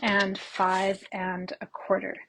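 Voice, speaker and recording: A woman's voice: mid-range voice, completely flat delivery, slow, heavy background noise. A woman from Canada hosting a casual live papercraft tutorial from her home craft room, chatty and rambling, greeting viewers by name and slightly out of breath.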